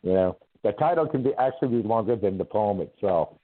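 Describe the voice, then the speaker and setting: Low-voiced man calling into a radio show. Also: animated, brisk, slightly rough. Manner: rambling, chatty, laughs often. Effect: call-in voice over a phone line. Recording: tinny phone line.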